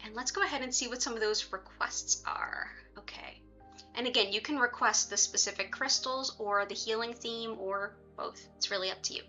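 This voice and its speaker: A woman with a bright, forward voice chats casually to livestream viewers, dropping in little asides as she goes. The sound is slightly muffled and lo-fi, with music playing behind her. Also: on the high side, normal speed. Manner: conversational, chatty asides to viewers. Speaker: livestream host and reiki practitioner.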